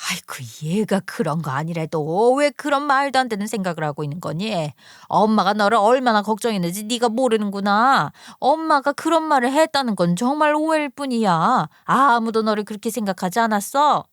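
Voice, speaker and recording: An exasperated older mother scolds and sighs, quick to defend herself, as a woman reader puts her on. The voice sits fairly high for a woman. The sound is dry and close, like a storybook reading. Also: animated, dry recording, lightly acted. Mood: scolding, defensive.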